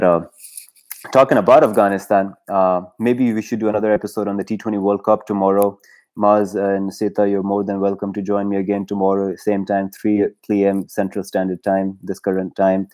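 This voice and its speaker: A man talks in a casual solo livestream, his voice sitting a little low. He rambles and hesitates, stacking fillers and restarts and breaking into laughs as he goes. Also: darkish tone. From Pakistan. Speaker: YouTube livestream host.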